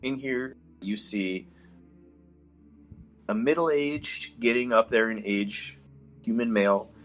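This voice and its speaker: A man's voice: fairly low pitch, a bit bright. A man narrating a tabletop role-playing game as game master, in a conversational, improvised way.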